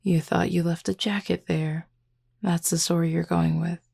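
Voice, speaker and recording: A woman performs a confident, flirty werewolf pack member in an intimate audio roleplay, her unhurried voice husky, gravelly, and on the low side. Her delivery is flat at a moderate pace, with a darkish tone and heavy acting, and she sounds sly and teasing.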